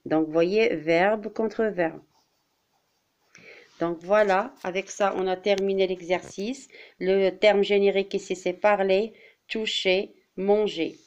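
Slow, mellow woman teaching a class. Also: medium pitch, fairly even intonation, dull audio. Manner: slow, deliberate, repeats words and acts out examples. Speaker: primary school teacher. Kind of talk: classroom vocabulary lesson.

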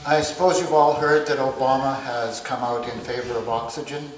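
A man's voice: medium pitch, fairly even intonation, very noisy. Slam poet man in a roomy hall. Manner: wry joking intro, then slow rhythmic recital. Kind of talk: live spoken word poetry performance. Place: church basement venue. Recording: roomy live room, distant mic.

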